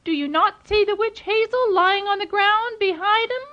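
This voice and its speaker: A woman voicing a hen and a raven with drawn-out clucking and cawing in a very high voice. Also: dull audio. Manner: clucking, drawn-out, sing-song.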